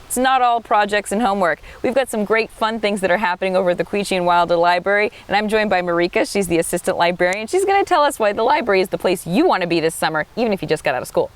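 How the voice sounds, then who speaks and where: A woman's voice: medium pitch, lively intonation, rapid-fire, hardly any pauses. A woman hosting a local show, presenting in an upbeat, enthusiastic travel show host style.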